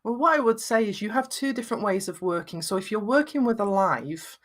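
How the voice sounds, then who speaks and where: A middle-aged woman with a Lancashire accent and very flat vowels, giving encouraging, conversational advice in an interview. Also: mid-range voice, fairly quick. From Lancashire, northwest England. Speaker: video confidence coach and podcaster.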